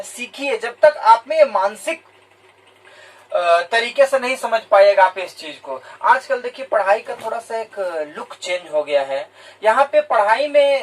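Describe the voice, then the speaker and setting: Picked up on a distant mic in a rough recording, this high-voiced Indian man is a teacher motivating his students. He works through his points in an explanatory way, addressing the audience directly and echoing key terms in English and Hindi.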